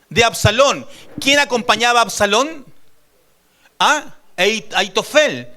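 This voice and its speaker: A man preaching a sermon as pastor, emphatic, asking the congregation questions and swinging between raised and hushed delivery. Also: very high-pitched.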